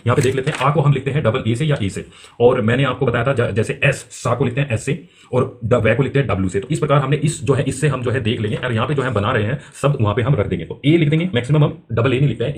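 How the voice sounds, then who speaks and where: A man's voice: medium pitch, a little mellow. Man, teaching step by step. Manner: step-by-step explaining, asks and answers himself; repeats filler phrases, drags out spelled letters. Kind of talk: spoken-English lesson for beginners.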